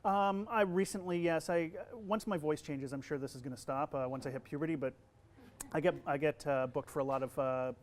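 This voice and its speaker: Answering interview questions in a relaxed manner, this voice actor and college instructor sounds young and uses many fillers and restarts. His voice is on the high side and a little fast, with a little hiss or hum in the recording.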